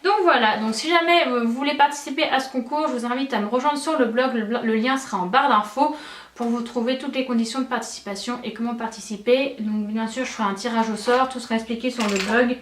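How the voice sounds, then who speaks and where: A young beauty vlogger chats casually in a slightly high voice, talking fast and enthusiastically with many hesitant fillers. The room is echoey, and the mic sits some distance away from her.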